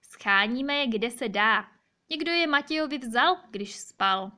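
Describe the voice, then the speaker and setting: A woman's voice: expressive, sharp tone. A woman voicing a wise old female owl in a children's story, speaking firmly and inquiringly. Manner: firm, questioning, lower storybook voice.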